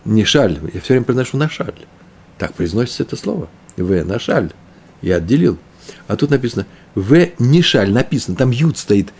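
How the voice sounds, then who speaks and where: A man teaching a Talmud lesson, explaining the text aloud, often repeating himself and slowing down on Hebrew terms. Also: medium pitch, sing-song, creaky, darkish tone, slightly rough.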